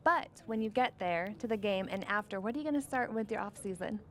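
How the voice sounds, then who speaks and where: A woman's voice: medium pitch, animated, fast talker. A woman asking conversational questions as a sports interviewer.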